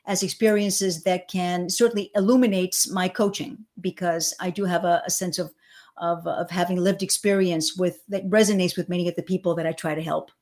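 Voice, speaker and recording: This fairly low, steady, darkish voice belongs to a Cuban-born woman whose first language is Spanish. A speaker coach, she talks briskly and animatedly in a livestream interview over a video call, often restarting sentences and raising her voice when acting out quotes.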